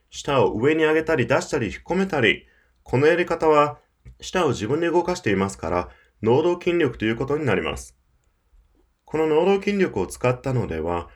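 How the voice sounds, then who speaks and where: A man teaching English pronunciation in Japanese, explaining in an emphatic scripted audio lesson. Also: mid-range voice. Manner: explanatory, emphatic, demonstrates English phrases at varied speeds.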